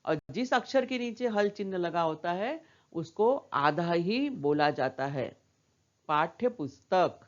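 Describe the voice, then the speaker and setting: A woman's voice: fairly low pitch, lively intonation, measured pace, a little mellow, dull audio. A woman teaching a primary school lesson, patiently repeating words and asking questions back to the children. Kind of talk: slow classroom lesson for young children.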